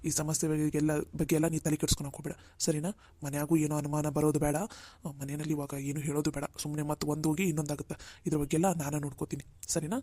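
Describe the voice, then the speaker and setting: A woman's voice: low voice, flat delivery, very fast, warm tone. Woman voicing a protective cartoon older brother. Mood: reassuring. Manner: firm, reassuring, repeats "all right?". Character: protective older brother, young man, firm and caring. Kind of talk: cartoon voice acting.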